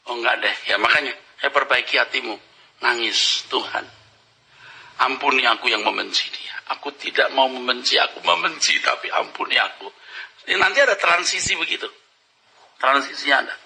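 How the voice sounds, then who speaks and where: A man's voice: medium pitch, bright, forceful tone, poor audio. A male pastor preaching a conversational sermon, acting out little dialogues and dropping casual slang and English phrases.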